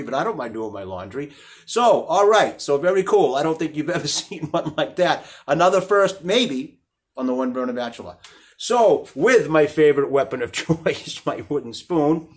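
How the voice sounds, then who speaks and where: Chatty older man with a fairly high voice. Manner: rambling, chatty, chuckles often. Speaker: cooking channel host. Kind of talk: casual cooking vlog chat. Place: small apartment cooking area, indoors.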